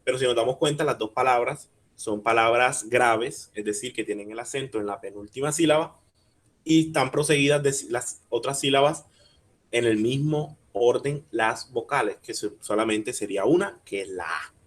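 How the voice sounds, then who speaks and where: A man teaching a workshop over a video call. He patiently explains step by step, asks the audience questions and slowly spells out syllables. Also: medium pitch. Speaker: workshop speaker teaching rhyme. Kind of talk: online workshop lecture.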